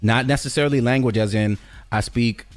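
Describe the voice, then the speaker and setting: This man, a podcast host with a medium-pitched voice, speaks fairly quickly about spiritual and cultural ideas in a conversational style. He stresses his points and repeats key phrases for effect.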